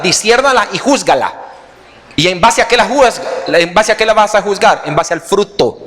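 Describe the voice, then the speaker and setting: A pastor with a Salvadoran accent preaches in a church sanctuary, his raised voice swooping up and down as he jokes and keeps turning to the congregation. A long reverb from the hall trails after every phrase. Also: high voice. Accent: Salvadoran Spanish. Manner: animated and joking, often calls out "hermano" to the congregation. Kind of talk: lively sermon.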